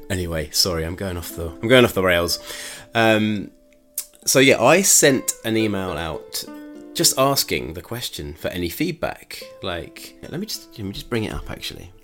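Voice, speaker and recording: A man's voice: low voice, big pitch swings, moderate pace, a bit bright, soft background music. A man hosting his own podcast in a chatty, rambling way, laughing often and going off on asides. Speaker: podcast host. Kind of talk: casual solo podcast chat.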